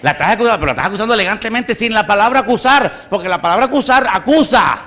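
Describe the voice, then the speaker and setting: A male pastor preaching a sermon, emphatic, swinging from loud exclamations to hushed asides and often breaking into praise. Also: high voice, animated, racing.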